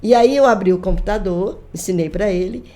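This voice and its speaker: An older woman, a grandmother, chatting on a podcast and retelling family stories with lively quoted voices. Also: mid-range voice, a little fast. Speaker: guest, folklorist. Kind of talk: casual storytelling conversation.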